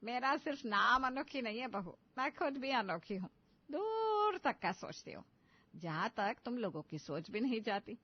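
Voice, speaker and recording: A woman voicing a stern, stingy older mother-in-law in an animated story, talking in a bossy, scolding way. The sound is dull and lo-fi. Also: a little high, normal speed. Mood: smug.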